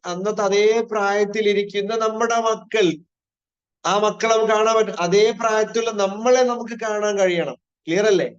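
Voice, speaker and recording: A man's voice: high voice, dull audio. A man giving a live online parenting lecture. He asks the audience rhetorical questions, repeats key phrases and mixes in English terms. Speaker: parenting trainer.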